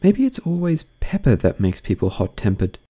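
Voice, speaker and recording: A man's voice: medium pitch, huge pitch swings, normal speed, warm tone, voice pushed up. A man doing Alice, a polite curious girl. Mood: musing, polite.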